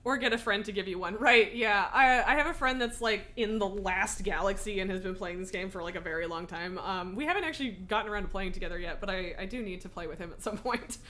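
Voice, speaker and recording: A woman's voice: mid-range voice, fast, few pauses, sharp tone. A woman livestreaming a video game, chatting casually and informally, thinking aloud and jumping between thoughts with self-mocking humor. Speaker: video game streamer, host. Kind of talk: casual gameplay livestream chat.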